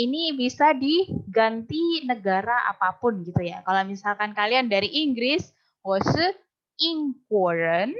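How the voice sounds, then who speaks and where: A woman teaching a language class, patiently repeating words slowly for her students. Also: a little high, fairly bright tone. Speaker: Mandarin teacher. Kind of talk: online Mandarin lesson in Indonesian. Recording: dull lo-fi recording.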